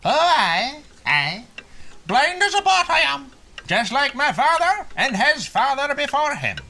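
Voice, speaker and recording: A man's voice: very high-pitched, sing-song, a little slow, bright, forceful tone, heavily acted. A man voicing an old, blind Scottish father in a comedy sketch, with a Scottish accent and a cackling old-man voice. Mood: cheerful.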